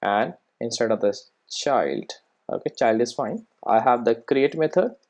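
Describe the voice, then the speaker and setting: An animated, somewhat slow presenter with a medium-pitched, slightly mellow voice guides listeners through programming steps informally. It comes across as thinking aloud while working, with short rhetorical questions and a tagged "right?" checking that everyone is following along.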